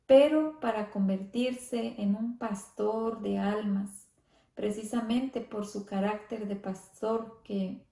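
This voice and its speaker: A woman leading a church Bible study, speaking slowly and reverently, often adding amén and gloria a Dios. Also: mid-range voice, gravelly, mellow, reverberant. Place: church hall.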